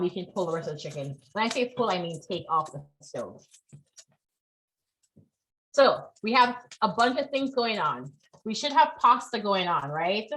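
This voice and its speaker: A woman's voice: lowish voice, a bit bright, low-quality recording. A woman leading a live online cooking class, chatty and encouraging, often checking in with her students.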